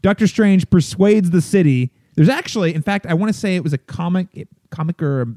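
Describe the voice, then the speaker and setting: Mellow-voiced man chatting, hesitant. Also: high-pitched, a little fast, no echo, clean studio sound. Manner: chatty, hesitant, restarts often. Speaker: podcast co-host, film critic. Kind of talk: casual chat.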